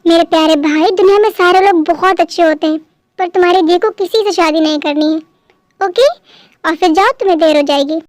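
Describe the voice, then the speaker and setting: High-voiced dubber doing a stubborn proud elder sister. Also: female voice, brisk, no echo, clean studio sound. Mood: firm. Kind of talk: fan dub drama.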